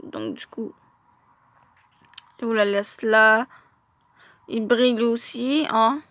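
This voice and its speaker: Hesitant woman vlogger, fairly high voice, unhurried, stumbling over foreign names. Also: steady tone, fairly bright tone, no echo. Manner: hesitant, frequent filler sounds, stumbles over English names. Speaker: card collector vlogger. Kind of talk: casual card showcase.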